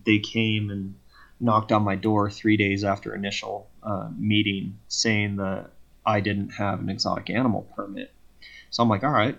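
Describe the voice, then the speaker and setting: A man's voice: on the low side, vocal fry, lo-fi sound. A man speaking as a podcast guest, telling a long story casually and acting out both sides of each conversation. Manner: animated retelling that acts out both sides of conversations.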